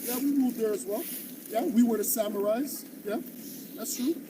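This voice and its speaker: A man's voice: very high-pitched, moderate pace. A man from Jamaica preaching on the street and debating passersby, insistent and full of rhetorical questions. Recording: distant mic, loud traffic noise.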